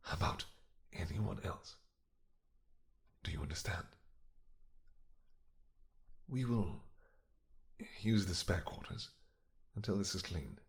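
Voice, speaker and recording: Man playing a possessive, low-voiced vampire king. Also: fairly bright tone, heavily acted. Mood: soft, controlling. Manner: intense, dramatic, swinging from snarls to whispers. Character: possessive yandere vampire king, lovesick and menacing. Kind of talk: romantic fantasy audio roleplay.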